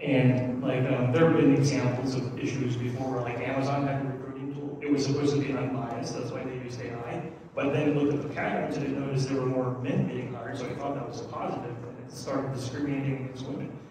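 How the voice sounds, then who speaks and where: A man's voice: mid-range voice, little pitch movement, fast, crowd noise. Casual man asking a question from afar. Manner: casual, uses "like" as filler. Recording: echoey hall, distant mic.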